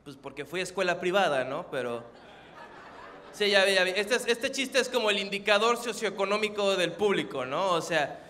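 A young man from Acapulco doing stand-up on a theater stage with a dry, deadpan, self-deprecating delivery. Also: high voice, normal speed, big-room sound. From Acapulco, Mexico. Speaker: stand-up comedian. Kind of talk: stand-up comedy. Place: theater stage before a live audience.

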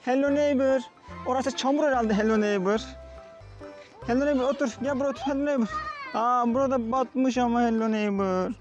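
Dad for a family toy-play vlog: playful, coaxing, repetitive; lo-fi sound with soft background music. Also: male voice, very high voice, a little fast. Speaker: father playing with his young son.

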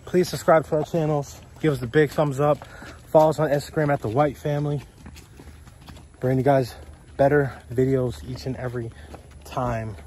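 A man's voice: mid-range voice, moderate pace, pauses often, slight background noise. A man, a father, vlogging a family walk in the woods; he talks jokingly and sounds out of breath. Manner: jokey, animated, teasing. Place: outdoors in woods.

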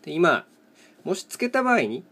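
A man's voice: on the high side, big pitch swings, normal speed, fairly bright tone, breathy edge. A man casually commentating as he plays, thinking aloud in short, matter-of-fact fragments. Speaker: host of a solo mahjong chat video and live streamer. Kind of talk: casual rambling commentary while playing tiles.

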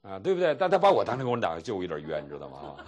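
A middle-aged pastor from mainland China gives a seminary lecture, telling stories animatedly, acting out dialogue and chuckling. His voice sits low and he speaks at a racing pace.

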